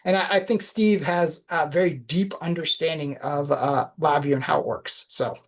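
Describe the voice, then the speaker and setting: A woman's voice: deep voice, normal speed. A woman guest on a podcast, telling reflective anecdotes in a casual interview.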